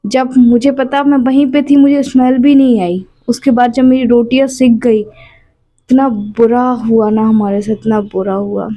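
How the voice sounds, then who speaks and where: A woman in her late twenties talks straight to her viewers in a casual home vlog. She rambles warmly through her story, circling back and repeating herself, and her voice sits a bit higher than most women's. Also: fairly even intonation, measured pace, no echo, muffled recording. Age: 20s. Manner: chatty, tells things at length with small repeats. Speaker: vlogger and mother.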